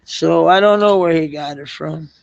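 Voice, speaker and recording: Danish-accented man, casual streamer, gravelly, slow drawl, profane and rambling, dull lo-fi mic. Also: a little high, no room sound. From Denmark. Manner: rambling, profane, laughs often. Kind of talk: casual livestream chat.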